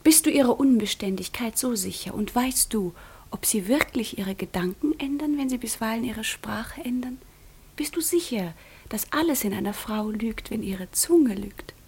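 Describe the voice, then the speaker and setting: A proud young woman just out of a convent, in a radio play. Her breathy, fairly high voice keeps sinking into tense whispers. She stays sharp and guarded under the softness. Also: moderate pace, hardly any pauses. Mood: hushed intense. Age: young adult. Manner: drops often to a tense whisper. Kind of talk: studio radio drama acting.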